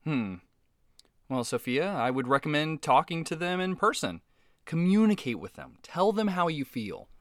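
A man's voice: on the high side, big pitch swings, normal speed, a bit bright, no echo, studio quality. A man hosting a comedic advice show, talking earnestly and sometimes sounding exasperated. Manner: earnest, exasperated, eager to please.

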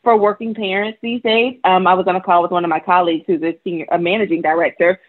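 A woman's voice: fairly low pitch, fast. Woman on a phone-like call line. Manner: animated storyteller, laughs easily. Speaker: podcast guest, working mother. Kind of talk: casual interview talk.

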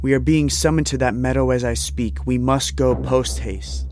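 A man's voice: mid-range voice, steady tone, moderate pace, a little mellow, slight background noise, natural voice. A man playing an earnest, haunted visionary in an audio drama, speaking with solemn intensity and formal diction. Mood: convinced, insistent. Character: earnest, haunted young male visionary, convinced of destiny.

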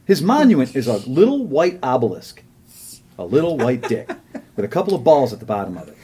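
A man's voice: fairly high pitch, mellow, breathy edge. A man co-hosting a casual podcast, telling a profane travel story and laughing often. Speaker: podcast co-host. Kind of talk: casual chat.

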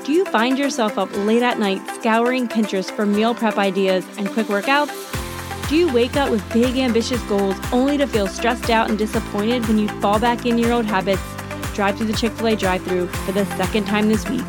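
A woman's voice: medium pitch, steady tone, normal speed, over music. A woman in her thirties delivering a scripted, upbeat podcast introduction in a polished, promotional way. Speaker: podcast host.

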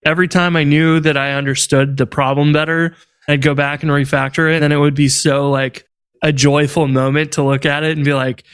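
A man with a slightly higher, smooth and resonant voice chats casually on a tech podcast. He tells stories with animated exasperation. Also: brisk. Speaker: podcast co-host.

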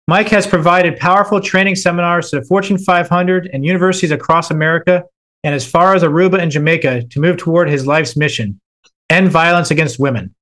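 A man's voice: high voice, a bit bright. A man hosting a podcast, reading a scripted introduction and then asking questions with some hesitation. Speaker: podcast host.

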